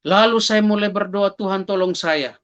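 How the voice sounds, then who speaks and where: A man's voice: sits high, moderate pace, a bit bright, dull audio. A man sharing a personal testimony in a vivid storytelling manner. He speaks straight to his listeners as brothers and sisters and acts out his own cries for help.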